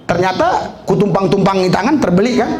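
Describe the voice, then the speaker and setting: A man preaching a lively sermon, animated, breaking into shouts and laughter, with frequent hallelujahs. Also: sits high, normal speed, reverberant, slight background noise.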